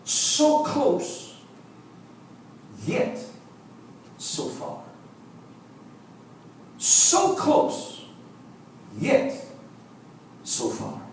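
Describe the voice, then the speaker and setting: Preaching extremely slowly and pausing often, this man speaks with a very high-pitched, wildly swooping voice. He is a visiting preacher, an Afrikaans native speaking English, giving a revival sermon whose rhythmic repetition rises to emphatic calls alongside joking asides. The distant recording from the church sanctuary is echoey, with a little hiss or hum.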